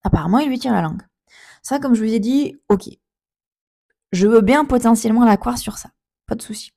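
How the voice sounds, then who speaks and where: A woman's voice: a little high, animated, fairly quick, vocal fry, warm tone. Indignant mother telling a story. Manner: indignant, emphatic, repeats herself. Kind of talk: storytime vlog, casual retelling.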